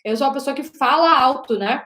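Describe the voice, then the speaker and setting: A woman teaching an online lesson on body language as a communication coach, talking loudly and emphatically and often checking in with the audience. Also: sits high, fairly quick. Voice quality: loud, projecting voice. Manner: emphatic, with frequent "né?" and "gente". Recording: roomy echo.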